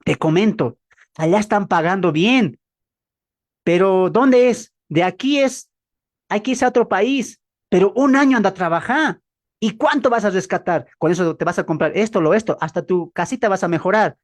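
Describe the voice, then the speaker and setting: Man preaching with acted-out dialogue. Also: moderate pace. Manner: dramatic, acts out dialogues with shifts in pitch and pace; asks the audience rhetorical questions. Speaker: preacher teaching a Bible class. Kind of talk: sermon. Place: church hall, also streamed on a video call.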